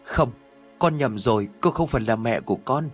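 A man voicing a frightened young woman who shouts at ghost children to go away, her voice rising in fear. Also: medium pitch, animated, normal speed, slightly rough, faint music behind.

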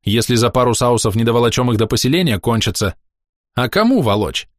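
A man voicing a grumpy, sharp-tongued woman healer who scolds and snaps in a raised voice. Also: medium pitch, lively intonation, brisk, dry recording, clean studio sound, close to an everyday voice. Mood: grumbling.

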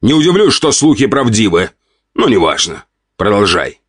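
A man's voice: on the low side, huge pitch swings, moderate pace, slightly rough, no echo, clean studio sound, voice pushed up, exaggerated voice. A man voicing a crude, irritable count of 48, growling and contemptuous. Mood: scornful.

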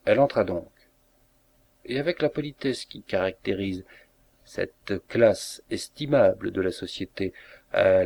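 A man reads a classic novel aloud in a measured, expressive way. His voice sits on the low side, with clear storybook narration. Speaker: audiobook reader. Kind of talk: scripted narration.

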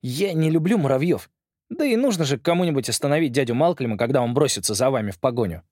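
A male reader voicing a hesitant young boy, the quieter brother. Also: mid-range voice, expressive, fast talker, no echo, studio quality, voice pushed up, natural voice.

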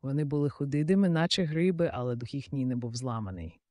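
A man reads a storybook aloud with lively, theatrical narration. His pitch is average. The recording is dry and close, with no room sound. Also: fast talker, dry recording. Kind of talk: audiobook narration.

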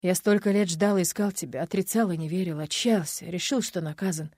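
A woman voicing a confident man, a dragon lord, speaking calmly and tenderly. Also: on the low side, a little fast, breathy edge, no room sound, clean studio sound.

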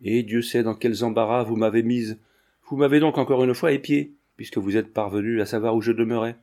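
A man's voice: mid-range voice, brisk, dark tone, close to an everyday voice. A man reading the part of a proud young marquise, reproachful and indignant, in an audiobook. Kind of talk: audiobook character voice.

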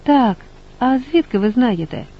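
A man's voice: very high voice, animated, unhurried, muffled recording, pitched above the performer's own voice. A man voicing a shy young boy who asks hesitant questions.

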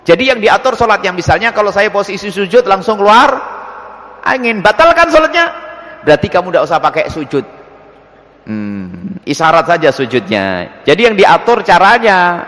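Guy preaching in a big echoey hall, swoops his pitch all over acting stuff out. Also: moderate pace. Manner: lively, acts out scenes with swooping pitch. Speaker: Islamic preacher answering questions. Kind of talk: religious Q&A talk to a congregation. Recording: long hall reverb.

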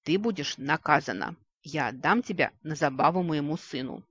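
Brief: a reader playing a furious werewolf king, menacing growl, animated delivery, close and dry. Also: medium pitch, moderate pace, no echo. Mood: threatening. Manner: roaring, hissing threats. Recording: dry, slightly dull recording.

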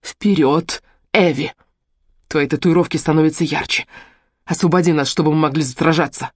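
An audiobook narrator voicing Selena, a defiant young warrior woman who speaks urgently and loudly. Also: deep voice, fairly even intonation, normal speed, no echo, clean studio sound.

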